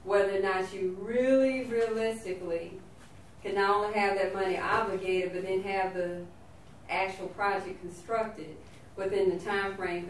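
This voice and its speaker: A woman with a Southern Alabama drawl, explaining things as a staff member at a board meeting. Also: medium pitch. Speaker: housing authority staff member. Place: indoor meeting room. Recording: echoey room, distant mic, faint noise.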